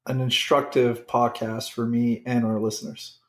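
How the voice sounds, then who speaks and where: A man co-hosting a podcast in casual chat, halting, with many restarts and fillers. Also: mid-range voice, fairly even intonation, a bit bright, roomy sound. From Canada. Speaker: podcast co-host.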